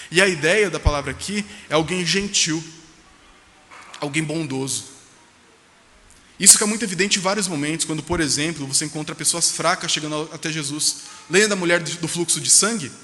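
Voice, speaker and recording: Fast, bright-voiced São pastor preaching. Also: male voice, a little high, a little hiss or hum. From Brazil. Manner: emphatic preaching, rhetorical questions, voices quoted speech. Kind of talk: sermon. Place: church sanctuary. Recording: reverberant church hall.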